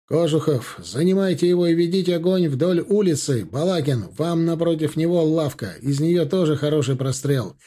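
A man's voice: a little high, moderate pace, hardly any pauses, natural voice. A man voicing an army captain in an audiobook, barking orders to his soldiers. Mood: commanding. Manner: shouted orders. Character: bellowing male army captain, commanding.

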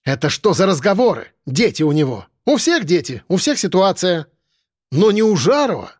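A man's voice: sits high, big pitch swings, normal speed, no room sound, clean studio sound, pitched above the performer's own voice. A man reading an audiobook voices a domineering, bellowing middle-aged woman who runs a factory office and scolds her staff. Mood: scolding.

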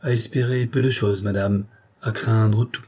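A man reading aloud, voicing a grave royal counsellor who speaks in a measured, formal way. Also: on the low side, fairly even intonation, a little mellow, breathy edge. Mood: solemn. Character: grave older male royal counsellor, frank.

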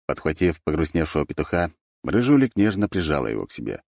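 A man narrating an audiobook in a wry, expressive way. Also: extremely low pitch, quick pace, gravelly, no echo, clean studio sound.

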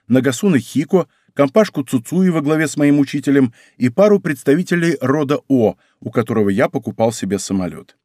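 A man narrating a first-person story as an audiobook, in an expressive, conversational way. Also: medium pitch, dry recording, studio quality.

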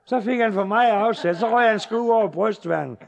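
A man telling comic stories, with a lively, punchy delivery. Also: sits high, creaky, muffled recording. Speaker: comic storyteller. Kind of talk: live comic storytelling.

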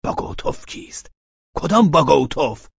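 Man reading as a short-tempered gentleman snapping at his guest, husky, dry muffled sound. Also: fairly high pitch, big pitch swings, dry recording, pitched above the performer's own voice, heavily acted. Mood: exasperated. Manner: sharp, exasperated outbursts. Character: irritable, impatient gentleman host, man. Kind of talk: audiobook character reading.

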